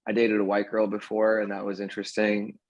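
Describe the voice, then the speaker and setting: A man's voice: on the low side, monotone, a little fast, a little mellow, dull audio. A man from the Philippines, a comedian guest in a casual interview, talking loosely and thinking aloud as he goes.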